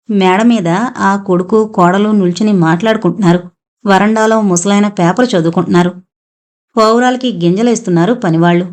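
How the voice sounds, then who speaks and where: A woman narrating a novel as an audiobook in a calm, even storytelling manner. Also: mid-range voice.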